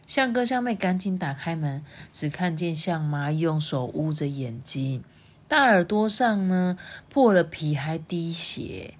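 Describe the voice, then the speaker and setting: A woman with a Taiwanese Mandarin accent reading a picture book to children, chatty and expressive. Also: sits low, a little slow. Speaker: storybook reader host.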